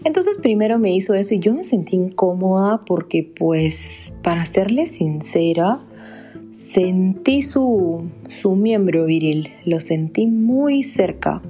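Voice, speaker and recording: A woman's voice: mid-range voice, animated, takes it slowly, dark tone, faint music behind. A young woman from Peru with a Peruvian Spanish accent, confiding a personal story directly to her viewers in a casual vlog. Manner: confiding, speaks straight to viewers. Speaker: vlogger.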